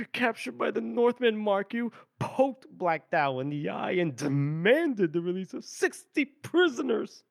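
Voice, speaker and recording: A man reading aloud the lines of a smug, sarcastic male court official in a dry, mocking tone. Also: medium pitch.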